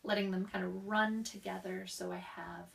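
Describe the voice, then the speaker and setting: A woman's voice: medium pitch, level tone, creaky, recorded from a distance. A young woman explaining voice therapy exercises and demonstrating them herself. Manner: demonstrates exercises with coughs, sighs and slow linked speech. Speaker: voice instructor.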